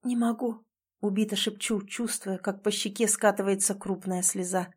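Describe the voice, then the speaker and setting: A woman's voice: medium pitch, flat delivery, normal speed, husky. A woman narrating an audiobook in the first person, in a tense, emotional way.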